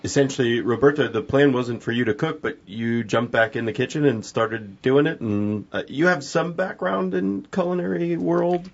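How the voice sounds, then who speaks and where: A man's voice: medium pitch, steady tone, moderate pace, gravelly, few pauses. A man hosting a podcast, chatty and casual, prompting his guests with questions. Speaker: podcast host. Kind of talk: casual interview talk. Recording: dull lo-fi podcast audio.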